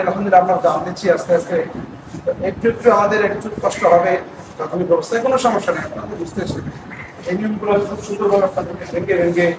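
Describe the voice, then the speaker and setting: A man teaching prayer recitation, patiently breaking words into syllables and chanting them slowly. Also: sits high. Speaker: religious teacher. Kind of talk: explaining pronunciation step by step. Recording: echoey room, distant mic, noisy.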